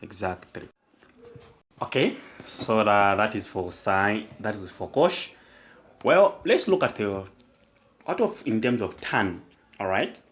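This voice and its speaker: A man with a fairly low, animated, slightly bright voice tutors math at a whiteboard. He explains step by step, slowly, repetitively and deliberately, asking himself questions and then answering them.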